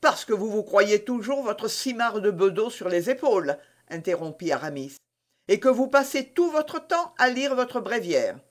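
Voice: mid-range voice, normal speed, natural voice. A reader voicing a vain, witty former musketeer turned abbé of about forty, who teases his friend and scolds his servant. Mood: scolding. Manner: teasing, imperious, lively. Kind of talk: audiobook character reading.

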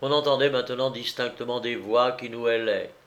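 A man's voice: medium pitch, fairly even intonation, a little fast, fairly bright tone, highs cut off. Man reading a dramatic story. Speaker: narrator.

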